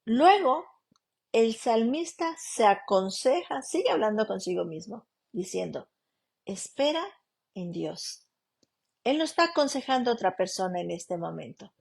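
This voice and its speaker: A woman lawyer who preaches on a radio program broadcast from Canada delivers a sermon, earnestly putting direct questions to her listeners and addressing them as beloved sister. Her voice is a little high and a little slow, with big pitch swings and a gravelly, breathy edge.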